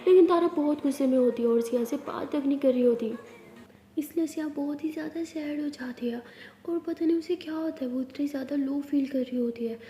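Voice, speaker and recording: High-voiced woman narrating a story. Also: fairly quick. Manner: steady, expressive storytelling. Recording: echoey room with long reverb.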